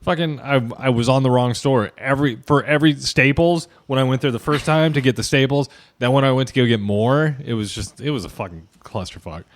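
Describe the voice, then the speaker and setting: A man's voice: mid-range voice, brisk, few pauses. Guy swearing through long rambling stories on his podcast. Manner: profane, rambling storyteller. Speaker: podcast co-host. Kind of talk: casual chat.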